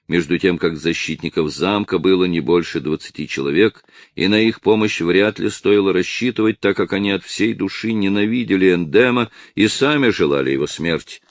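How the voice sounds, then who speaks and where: A male audiobook narrator reads a historical adventure in a dramatic, measured way. His voice sits very low, and the recording is dry and close, with no room sound. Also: no room sound. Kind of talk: scripted narration.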